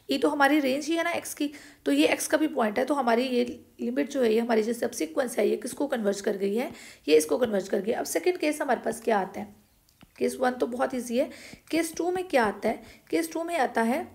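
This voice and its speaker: A woman's voice: high voice, vocal fry, darkish tone. A woman explaining a math proof step by step, repeating each point and checking that listeners follow. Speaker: math teacher. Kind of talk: blackboard math lecture.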